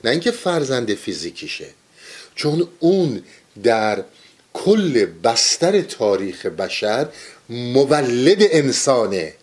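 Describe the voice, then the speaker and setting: A man giving a spiritual lecture on mystic poetry, speaking earnestly and urging listeners to pay attention. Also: mid-range voice.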